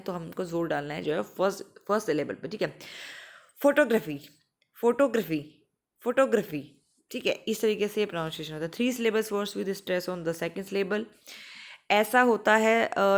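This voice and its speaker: A woman teaching an exam-prep lesson on word stress in Hindi, repeating example words slowly. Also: medium pitch, vocal fry.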